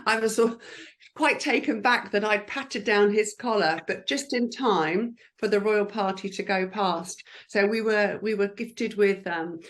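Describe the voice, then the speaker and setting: A woman talks about her work as a lip speaker. She is upbeat and encouraging, and she scatters "um" and "you know" through her speech. Her pitch sits at an ordinary middle level for a woman. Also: measured pace, a bit bright. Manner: chatty and encouraging, with frequent fillers. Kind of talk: careers advice interview.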